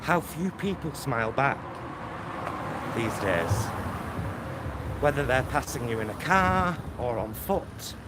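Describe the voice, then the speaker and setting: This vlogger speaks in a medium-pitched voice with big pitch swings, taking it slowly with long pauses. He's out on a street in his neighbourhood, chatting into a phone on a selfie stick and rambling with plenty of fillers, while the phone picks up traffic and street noise.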